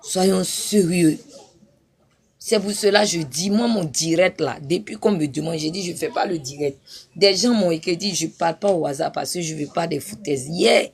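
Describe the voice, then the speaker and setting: Husky woman preaching her testimony on a live, all fired up, keeps hammering the same lines. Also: on the low side, moderate pace. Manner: fervent, repetitive exhortation with sudden cries. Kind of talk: impassioned spoken testimony.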